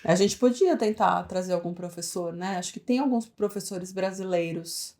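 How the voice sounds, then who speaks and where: A woman's voice: lowish voice, moderate pace, dark tone. A woman from Brazil co-hosting a casual chat, thinking aloud and correcting herself as she goes. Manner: hesitant, thinks aloud with restarts. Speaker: co-host.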